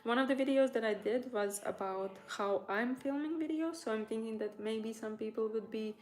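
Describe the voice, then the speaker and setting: A Latvian woman whose first language is Latvian hosts a crochet tutorial livestream, chatting casually at a moderate pace in a fairly high voice. She rambles, hesitates and trails off mid-thought.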